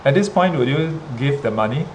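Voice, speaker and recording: A man with a Singaporean accent tells a story casually as a livestream host, pausing and repeating himself often as he talks to his viewers. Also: medium pitch, animated. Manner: hesitant, halting, with frequent pauses and repetitions. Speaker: livestream host, teacher addressing students. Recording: clearly noisy ambient background. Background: ambient noise, rain.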